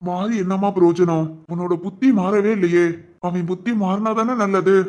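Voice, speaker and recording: A man playing a concerned village husband who speaks in a calm, matter-of-fact way. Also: high voice, normal speed, lightly acted.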